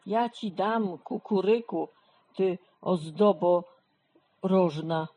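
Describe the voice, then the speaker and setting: A woman's voice: fairly low pitch, measured pace, highs cut off. A woman voicing a grumpy, stubborn father beaver in a children's storybook. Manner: gruff, loud.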